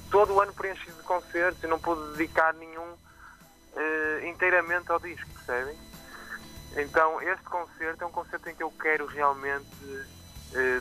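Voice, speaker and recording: This musician guest speaks on live radio from his own location, his Porto accent flavored by a few Brazilian expressions. His voice sits on the high side, and he talks in a chatty, relaxed way full of fillers and restarts over a low-quality recording.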